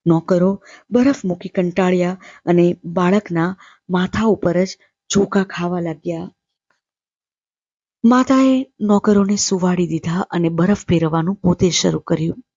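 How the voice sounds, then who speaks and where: A woman storyteller reading a literary short story aloud in a measured, steady way. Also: on the low side, dry recording, highs cut off.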